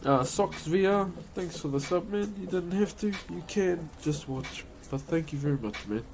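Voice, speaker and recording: With background noise behind him, a man speaks at a moderate pace in a slightly high, expressive voice. He has a broad New Zealand accent and chats to his stream viewers in a matey, colloquial style, tossing in "bro" and "eh".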